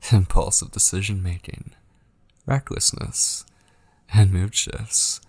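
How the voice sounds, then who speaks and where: Heavily acted, this ASMR roleplay has a man voicing an obsessive, possessive kidnapper who coaxes in a low, gravelly, breathy voice, often slipping into whispers. He sounds seductive, menacing and pleading, with no room sound.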